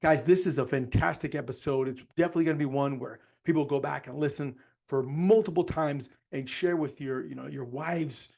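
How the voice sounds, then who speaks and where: A man hosting a podcast, giving an excited intro and talking straight to his listeners. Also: a little high, a little fast, creaky, few pauses. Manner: hyped, addresses listeners directly. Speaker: podcast host. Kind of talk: show intro monologue.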